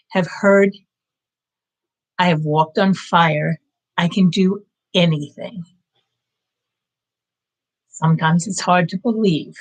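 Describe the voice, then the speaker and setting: This is a rough recording of a fairly low-pitched woman of fifty-nine who hosts a language-learning channel. A native English speaker, she chats through a casual live-stream update on her streaming rig, coming across as earnest, reflective and encouraging.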